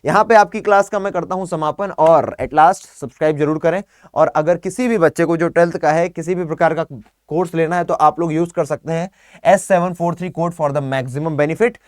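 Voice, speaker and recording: Lively man teaching vocabulary. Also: on the high side, normal speed, dry recording, studio quality. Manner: lively, often asks the class rhetorical questions; mixes Hindi with English, spells words out letter by letter. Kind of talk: online exam-prep lesson.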